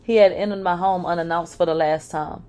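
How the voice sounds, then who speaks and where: A woman's voice: on the low side, fairly even intonation, a little fast, a little mellow. A woman reading a dramatic first-person story aloud, emotional and blunt, with swearing. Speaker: narrator.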